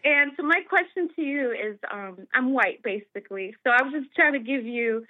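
A woman's voice: high voice, expressive, normal speed, dry recording. An American woman calling in to a talk show, speaking in a hesitant, earnest way over the phone. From United States. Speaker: caller. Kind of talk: phone-in conversation. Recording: tinny phone line.

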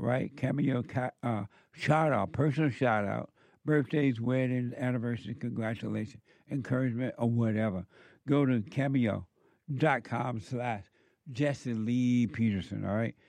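A man speaking as a smooth radio call-in host, unhurried and repeating his plugs between calls. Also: medium pitch, darkish tone, no echo.

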